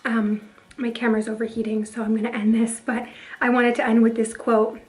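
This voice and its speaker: A woman vlogger talking earnestly and confidingly to camera, her voice hoarse and partly lost after a breathing tube. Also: fairly high pitch, little pitch movement, fairly quick. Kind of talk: earnest personal talk to camera.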